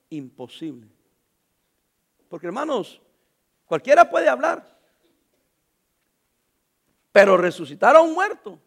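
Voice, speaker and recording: A man preaches in church with a strikingly high voice. He swings from loud, pressing lines down to quiet ones and jokes with the congregation. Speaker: pastor. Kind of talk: sermon.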